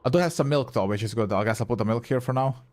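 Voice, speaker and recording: Fast-talking, with a medium pitch and darkish tone, this young streamer is a native Croatian speaker. He chats with his viewers as he plays, responding to their messages and cursing casually.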